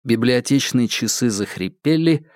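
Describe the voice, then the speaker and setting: Sex: man. Role: audiobook narrator. Style: scripted narration. Pitch: lively. Sound: dry. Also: a little slow, no echo.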